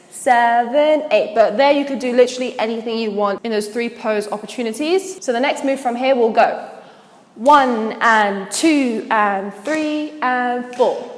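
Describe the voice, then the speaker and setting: A woman's voice: a little high, roomy sound, big-room sound. A woman teaching a dance routine step by step, explaining each move and counting the beats aloud as she demonstrates. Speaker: dance instructor.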